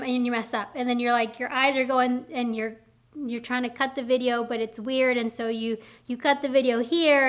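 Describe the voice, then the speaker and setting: A woman who teaches cosmetology, talking casually to the camera in a rambling, encouraging, self-deprecating way, a bit out of breath, indoors on a camera mic. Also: a little high. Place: indoors, warm room. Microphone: camera mic, speaking to lens.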